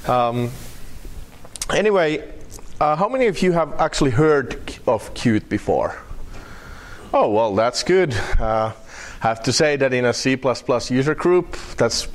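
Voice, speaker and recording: A man from Finland with a Finnish accent, giving a technical conference talk with slides, wry and halting, with many fillers and restarts. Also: medium pitch. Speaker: conference speaker.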